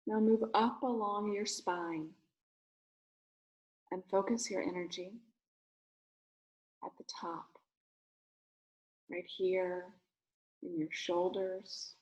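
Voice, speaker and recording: A woman acting as a rabbi guides a meditation, offering soft, calming directions in brief phrases separated by pauses. Her pitch sits fairly low and her tone stays even, though the audio quality is poor.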